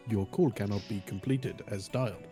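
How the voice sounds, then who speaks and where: A man's voice: lowish voice, moderate pace, mellow, faint music behind. A man voicing an automated phone-company recording with a stiff, robotic operator delivery during tabletop game banter. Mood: deadpan. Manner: stiff, evenly paced recorded-announcement delivery. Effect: robotic telephone-operator voice. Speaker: player.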